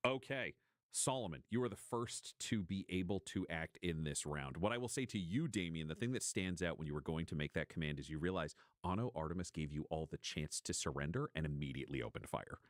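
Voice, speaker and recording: A man narrating as game master of a tabletop role-playing game, setting scenes slowly and chatting casually with players. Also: low-pitched, expressive, no echo, studio quality. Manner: slow, deliberate scene narration with casual asides.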